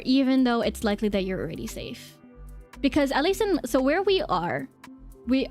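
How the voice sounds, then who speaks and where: A woman with a high-pitched voice chats to her livestream viewers as she explains things. Her delivery is informal and giggly, with phrases often repeated. Music plays behind her. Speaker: livestream host.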